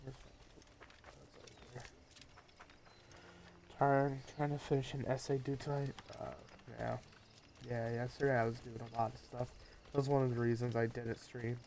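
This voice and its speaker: The delivery is flat and the speed normal, with frequent pauses, as this teen gamer rambles casually on his livestream. His mid-range voice is darkish and nasal from post-nasal drip congestion, with a little hiss or hum.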